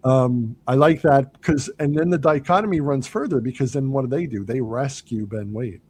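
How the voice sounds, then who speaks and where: A male podcast host with a mid-range, breathy-edged voice talks at normal speed as he relaxedly covers a film. He brings it to life by quoting movie lines and acting them out.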